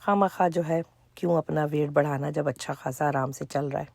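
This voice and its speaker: A middle-aged woman, chatting casually in a cooking vlog, hoarse for now and full of chatty asides. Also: deep voice, steady tone, a little mellow, dry recording. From Pakistan. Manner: chatty, storytelling with asides and quoted dialogue. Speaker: vlogger.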